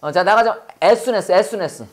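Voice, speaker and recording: An English teacher running a Bible-based lesson, quizzing the class and drilling phrases in call-and-response. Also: mid-range voice. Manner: quizzing, repeats phrases slowly for learners.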